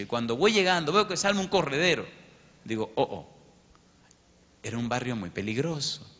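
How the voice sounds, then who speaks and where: Bright high-ish male pastor storytelling, dull lo-fi sound, long hall echo. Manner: animated, acts out sounds and dialogue. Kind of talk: storytelling sermon. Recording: lo-fi recording in a reverberant hall.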